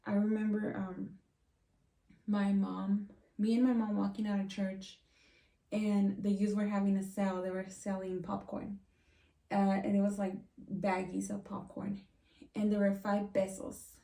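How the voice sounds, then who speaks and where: A woman's voice: mid-range voice, little pitch movement, a little slow, creaky, dark tone. A woman from Mexico, telling her own story in an earnest, reflective vlog. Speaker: vlogger. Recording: roomy, distant from the mic.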